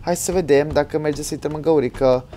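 A man's voice: on the high side, steady tone, slight background noise. Jumpy, yelping man streaming a horror game. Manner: jumpy, yelps and shouts when scared, talks to chat. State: tired after screaming. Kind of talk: live gameplay commentary.

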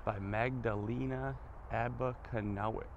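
A man with a Midwestern American accent narrating a walking tour of a snowy outdoor park in a casual, relaxed way, thinking aloud as he walks, recorded on a body-worn camera. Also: mid-range voice, unhurried, highs cut off, noisy background. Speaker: vlogger giving a walking tour.

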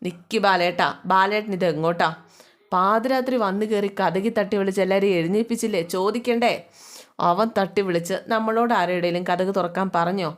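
A woman voicing a blunt, sharp-tongued middle-aged wife who argues back at her husband. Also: medium pitch, a little fast, lightly acted. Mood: exasperated. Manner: blunt, sharp, pleading then scolding.

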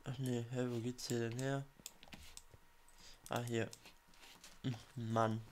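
Slow-talking man with a cold, gaming. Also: medium pitch, flat delivery, slight background noise. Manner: chatty, mutters reactions to himself while playing. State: has a cold. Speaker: let's play gamer. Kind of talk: casual game commentary.

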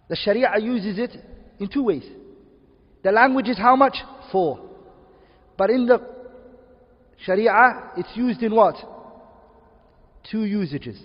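Male teacher, quizzes the room often, lo-fi echoey classroom recording. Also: high-pitched. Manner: quizzes students with repeated questions; repeats key terms slowly. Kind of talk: classroom lesson. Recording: dull distant audio in echoey room.

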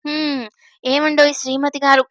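Woman doing a young husband in a storybook reading, playful and a bit sulky, wanting his wife's attention, high voice, dry close sound. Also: little pitch movement, moderate pace, fairly bright tone, dry recording. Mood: teasing sulky. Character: affectionate teasing young husband.

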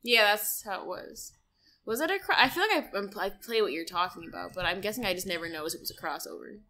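A woman's voice: medium pitch, expressive, fast talker, pushed and bright, slight background noise. A young woman chatting during a let's-play, teasing the player in a slangy, joking way. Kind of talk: casual let's-play chat.

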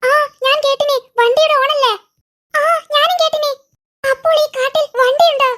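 A woman voicing excitable, bickering cartoon children. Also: extremely high pitch, normal speed. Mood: excited. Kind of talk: cartoon voice acting.

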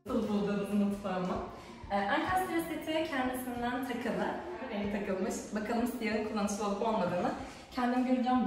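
A woman in her twenties chatting casually to viewers as she gives a home tour. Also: a little high. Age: 20s. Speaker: vlogger giving an empty home tour. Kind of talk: casual vlog chat to viewers. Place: empty apartment rooms, indoors. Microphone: camera or phone a few steps away. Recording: very echoey empty rooms, far from mic.

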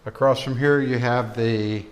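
A man's voice: medium pitch, steady tone, measured pace. Casual man giving an apartment tour. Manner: casual, matter-of-fact, with frequent fillers. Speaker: real estate leasing agent. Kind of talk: walkthrough apartment tour narration. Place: empty apartment, indoors, walking room to room.

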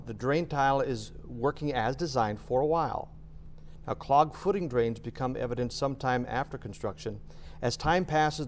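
On a TV studio set, a middle-aged man appears as a guest expert on basement waterproofing, explaining things plainly with the occasional filler word. His voice is medium-pitched, and there is slight background noise.

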